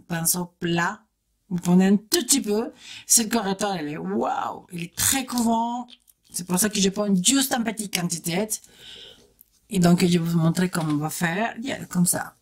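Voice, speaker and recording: This woman is a beauty vlogger talking her audience through a makeup tutorial in a chatty, casual way, addressing them directly as she works and exclaiming enthusiastically. Her voice is on the low side and a little mellow.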